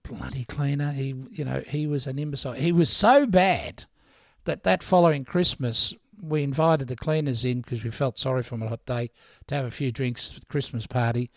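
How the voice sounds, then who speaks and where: A man's voice: medium pitch, fairly even intonation, a little fast, dry recording, clean studio sound. An older Australian man hosting a podcast, telling anecdotes in a chatty, laughing way. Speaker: podcast host. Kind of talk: storytelling monologue.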